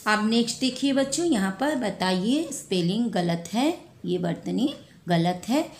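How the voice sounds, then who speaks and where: A woman teaching a spelling lesson to children, repeating each word slowly and correcting mistakes one by one. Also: mid-range voice, expressive, a little mellow. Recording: echoey room with faint ambient noise.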